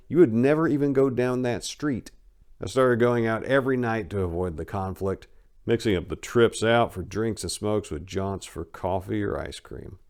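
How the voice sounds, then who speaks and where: A man narrates a memoir in a fairly low voice with a dramatic delivery, hitting key words hard and letting asides trail off.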